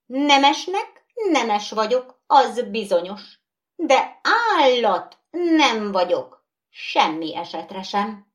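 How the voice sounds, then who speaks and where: A fussy little porcelain doll from a storybook, pitched high and a touch louder than the reader's own voice, as a woman puts her on. She frets and protests primly, her voice swooping up and down. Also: expressive, natural voice. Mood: indignant. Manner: fretful, prim and indignant. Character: nervous, vain female porcelain doll.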